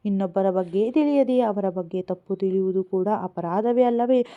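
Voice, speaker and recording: A tearful young wife full of remorse, pleading and begging forgiveness, as a woman storyteller puts her on. The sound is thin and tinny, like a phone line. Her voice sits at an ordinary middle pitch. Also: normal speed, close to an everyday voice. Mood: remorseful. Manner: pleading, sobbing apologies.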